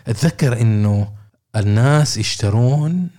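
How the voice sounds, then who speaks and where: A man's voice: medium pitch, lively intonation, normal speed, warm tone. A man with a Saudi accent giving an informal sales training talk, explaining with made-up example dialogues.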